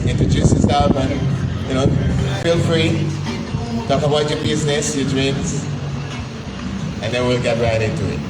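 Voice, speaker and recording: A man hosting a community panel informally, with halting, drawn-out phrasing. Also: fairly high pitch. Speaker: host and panel moderator. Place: live community event, picked up from afar. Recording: distant, echoey, very noisy event recording.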